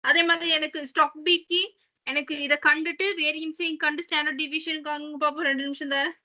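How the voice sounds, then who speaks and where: A woman's voice: high voice, flat delivery, a little fast, pushed and bright. A woman, teaching a class step by step in a patient manner. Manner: patient, step-by-step, mixes English terms. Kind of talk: online class explanation.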